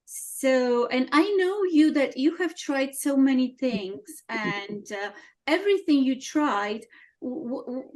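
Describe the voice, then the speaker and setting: A woman with a fairly high voice hosting a podcast interview. She is effusive and admiring, and she winds through long questions with small restarts. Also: darkish tone. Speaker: podcast host. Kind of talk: interview conversation.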